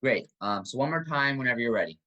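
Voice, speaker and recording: A man's voice: mid-range voice, quick pace, lo-fi sound. A man playing an anxious casting director who pleads and frets in an online amateur comedy sketch. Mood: patient. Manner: pleading, fretful, lively. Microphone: video call.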